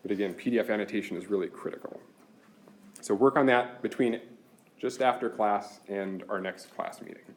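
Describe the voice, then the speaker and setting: Here a man lectures a university class, laying out course logistics step by step with a practical, chatty approach. His pitch is on the low side, his speed is normal, and there's slight background noise.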